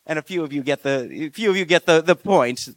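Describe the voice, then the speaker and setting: A man preaching a sermon in an earnest, measured way, slowing down on key phrases. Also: a little high, animated, no echo. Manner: earnest, measured delivery with slow emphatic phrases and frequent fillers.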